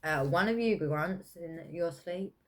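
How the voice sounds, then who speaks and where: Slow, low-voiced woman giving a rambling tarot reading. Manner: meandering, hesitant, full of fillers and self-corrections; chatty with frequent soft laughs. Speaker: tarot reader. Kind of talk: casual pick-a-pile tarot reading.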